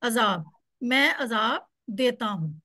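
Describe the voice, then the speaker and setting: Woman teacher with a high voice, patient, repeats stuff to drill it in, dry close sound. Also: expressive, slow pace, sharp tone, no room sound. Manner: patient, explains step by step, repeats words to drill. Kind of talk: online Quran Arabic class.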